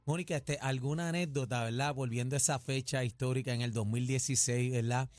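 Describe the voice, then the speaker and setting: A man's voice: mid-range voice, steady tone, a little fast, darkish tone, no room sound. A man co-hosting a radio talk show, chatty, stumbling over his words as he restarts. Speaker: radio co-host.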